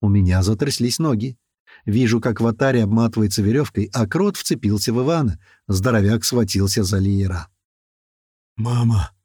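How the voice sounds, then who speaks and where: A man reading a first-person action story aloud, switching to loud, higher voices for the characters. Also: fairly quick, breathy edge, no room sound, studio quality. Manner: lively, raising pitch and shouting for quoted characters. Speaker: audiobook narrator.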